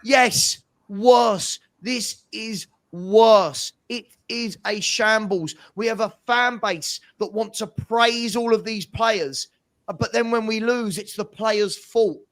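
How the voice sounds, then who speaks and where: Passionate, high-pitched man on a rant. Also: unhurried, fairly bright tone. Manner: passionate, exasperated; emphatic, repetitive rhetorical delivery. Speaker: football fan pundit on a fan channel. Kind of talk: opinion rant.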